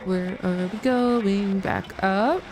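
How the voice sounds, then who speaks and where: Talking back at the video game she's streaming live, a woman offers casual, exclamatory reactions. She speaks slowly in a mid-range voice, and the background is noisy.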